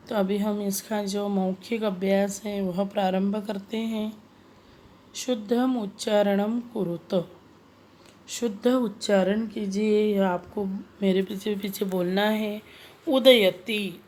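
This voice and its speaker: Woman teacher, mid-pitched, unhurried, drilling vocabulary word by word. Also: darkish tone, a little hiss or hum. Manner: slow, deliberate, repeats words for pupils to echo. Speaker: Sanskrit teacher. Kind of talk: classroom lesson, explaining word meanings.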